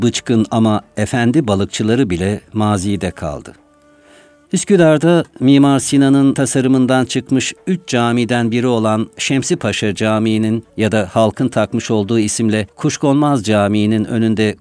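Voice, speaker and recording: A man narrating a literary, memoir-style text in a measured, unhurried way. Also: medium pitch, darkish tone. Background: faint music.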